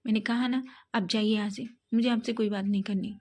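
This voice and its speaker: A woman's voice: fairly high pitch, steady tone, brisk, a little mellow, natural voice. A woman voicing a shy, jealous young man who stammers when flustered. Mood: sulky. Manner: stammers, sulky.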